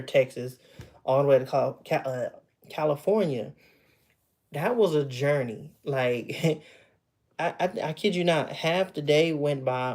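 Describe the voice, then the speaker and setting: Surrounded by memorabilia at home, this thirtysomething man talks with his livestream viewers in a mid-range, darkish voice. The conversation is loose and casual, full of laughter and thoughts he leaves unfinished.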